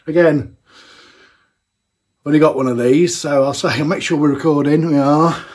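A man's voice: on the high side, steady tone, a little slow, darkish tone. A man, chatting casually as he tastes a homebrewed beer in a small home brewing room, thinking aloud with plenty of fillers. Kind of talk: casual tasting vlog.

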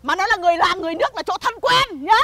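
A woman playing a hot-tempered village mother who curses a thief in shrill, rhythmic rants. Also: animated, rapid-fire, over a noisy crowd. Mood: indignant. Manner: shrill, ranting, rhythmic cursing. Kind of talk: comedy sketch acting.

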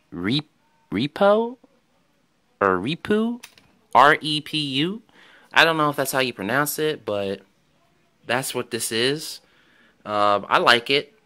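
A man's voice: lowish voice, pushed and bright, clean tone. A man casually showing off his toy car finds in a vlog, rambling and enthusiastic, with many ums and restarts. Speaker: toy car collector vlogger. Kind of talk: casual show-and-tell vlog.

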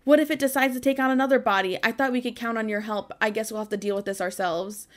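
A woman's voice: a little high, quick pace, close to an everyday voice. A woman voicing a worried peasant from a medieval video game, pleading in an earnest, emphatic way. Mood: insistent. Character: worried, insistent peasant pleading before the king. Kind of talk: reading game dialogue aloud.

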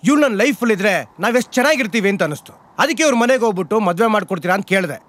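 A man's voice: sits high, expressive, very fast. An actor playing an earnest young schoolteacher from Karnataka who pleads his case before village elders. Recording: film soundtrack with loud music. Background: loud film music.

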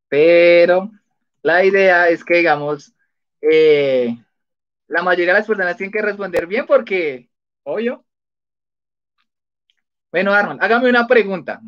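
A man hosting a casual spelling quiz on a live stream, chatty and laughing often as he reads out answers. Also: sits high. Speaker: spelling quiz livestream host. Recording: dull lo-fi sound.

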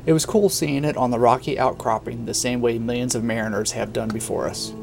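A middle-aged man reading a calm, matter-of-fact narration of a sailing trip. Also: medium pitch, brisk, vocal fry, loud music behind the voice. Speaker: sailing vlogger. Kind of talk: scripted voice-over narration.

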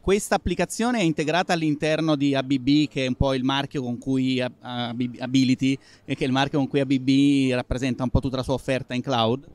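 A man's voice: medium pitch, steady tone, brisk, few pauses, dry recording. A man with a mid-range voice, speaking as a reporter on site, introduces his guest and puts a question to him. His delivery is plain and businesslike. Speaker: trade press reporter. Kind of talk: on-site interview.

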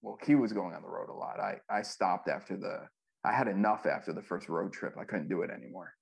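A man's voice: sits low, fairly quick, vocal fry, breathy edge. A man, a former music manager, telling stories in a casual interview, loose and profane with lots of fillers. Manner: loose, profane storytelling with many fillers and acted quotes.

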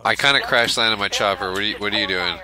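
A man joking and reacting loudly while he and a friend play a video game together. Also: on the low side, quick pace, a crowd in the background. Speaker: gamer. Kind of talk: casual co-op gameplay commentary.

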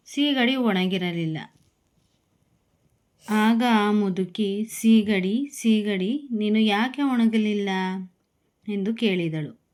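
A woman teacher reading a children's story aloud slowly and then explaining it to young pupils. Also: mid-range voice, a little mellow. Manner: slow, clear storybook reading with repeated calls.

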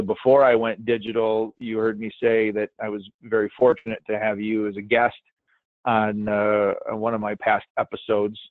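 A man's voice: fairly low pitch, no room sound. A man co-hosting a webinar over an online call, chatting casually and rambling with fillers and restarts. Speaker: podcast host and webinar co-presenter. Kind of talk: casual conversational webinar talk. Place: at a conference, joining remotely. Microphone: online call audio. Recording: tinny call-line audio, dry.

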